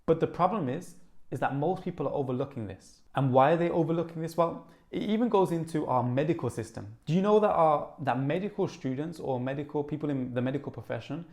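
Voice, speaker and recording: Excitable and a little high-voiced, this young Brummie wellness vlogger chats casually to the camera. His delivery is rapid and animated, with plenty of "like" fillers.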